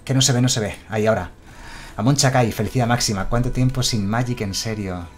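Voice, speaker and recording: A man's voice: medium pitch, fast, faint music behind. A man from Spain, chatting casually on a live stream and reading out chat messages.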